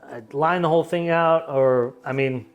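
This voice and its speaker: A man's voice: fairly high pitch, moderate pace, soft background music. A man telling a long story from his tattoo work in casual chat, rambling and full of "you know" and "like". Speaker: tattoo artist.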